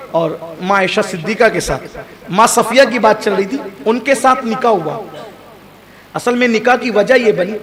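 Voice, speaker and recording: A man preaching a sermon to a live audience, fervent and emphatic, often tossing rhetorical questions to the listeners. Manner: fervent, rises to high emphatic peaks, rhetorical asides to the audience. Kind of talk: impassioned sermon. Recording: crowd audible around live sermon.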